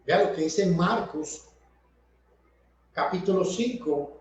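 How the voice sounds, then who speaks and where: A man teaches from scripture at an unhurried pace, rephrasing each idea again and again. His voice sits high. The recording is dull and distant, with heavy room echo. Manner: explanatory, repeats and rephrases points. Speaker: preacher. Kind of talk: Bible study sermon. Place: church hall.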